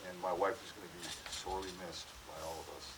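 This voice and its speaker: Deep-voiced and level in tone, a Hawaii-born man in his sixties talks quickly while hosting a memorial for his late wife in a backyard. His speech to the crowd is casual, joking and heartfelt, riddled with fillers and restarts, picked up on a handheld mic at a distance, with people and background noise around him.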